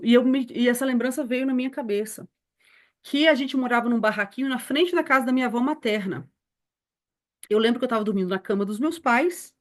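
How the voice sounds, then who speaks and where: Missionary woman in her forties teaching a church lesson, earnest personal testimony, slightly high voice. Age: 40s. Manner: earnest, storytelling, addresses listeners as beloved.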